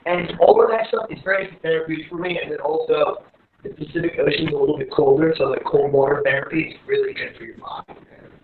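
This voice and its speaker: A man's voice: on the high side, big pitch swings, quick pace, a little hiss or hum. Man, slangy, enthusiastic, phone-like sound, roomy echo. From New Jersey. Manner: enthusiastic, slangy, swears casually. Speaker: rapper guest. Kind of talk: casual interview chat. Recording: tinny echoey call audio.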